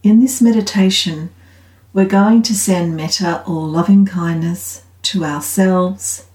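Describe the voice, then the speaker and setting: Woman meditation guide, very slow pace, calm meditative tone, soothing, long pauses, roomy echo. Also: fairly low pitch. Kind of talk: guided loving-kindness meditation. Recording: roomy, slightly echoing sound.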